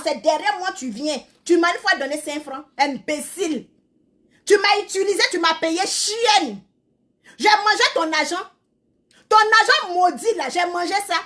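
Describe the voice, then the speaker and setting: A woman delivering a loud, scolding rant full of repeated insults. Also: very high-pitched. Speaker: social media creator. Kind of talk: angry insult-filled rant.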